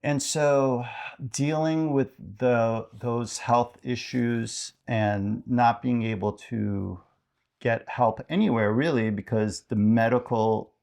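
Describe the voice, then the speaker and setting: A man's voice: mid-range voice, takes it slowly, gravelly, a little mellow. A middle-aged man, a podcast co-host, talking reflectively in a casual chat and thinking aloud with many fillers.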